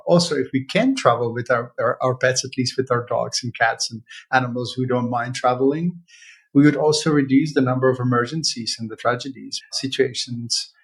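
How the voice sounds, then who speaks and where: A veterinarian from the Czech Republic hosts a casual interview podcast, speaking earnestly and haltingly as he circles back with fillers and restarts. His mid-range voice is husky and slightly breathy.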